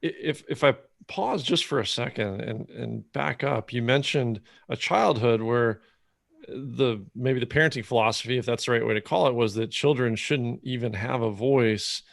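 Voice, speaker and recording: A man's voice: mid-range voice, moderate pace, vocal fry, no room sound, studio quality. A man hosting a podcast, asking thoughtful questions with hesitant false starts. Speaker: podcast host. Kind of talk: interview questions.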